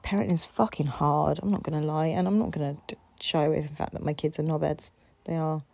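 A woman's voice: low-pitched, steady tone, fast talker, gravelly, a little mellow, dry recording. A tired woman in a candid solo podcast monologue, rambling and swearing a lot, frustrated and raw.

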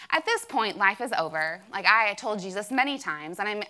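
A woman's voice: medium pitch, animated, moderate pace, bright, forceful tone. A woman in her thirties telling a personal faith story to a room of friends, candid and self-dramatizing, with many fillers. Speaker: speaker sharing a testimony. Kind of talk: church testimony talk. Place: room with an audience.

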